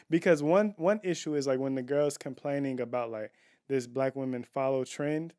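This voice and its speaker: A man in casual conversation on a home podcast, pressing his opinions with emphasis. His voice sits at an ordinary middle pitch. The sound is close and dry. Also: darkish tone, no room sound. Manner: opinionated, emphatic, restarts and fillers. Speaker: podcast co-host. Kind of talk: casual chat.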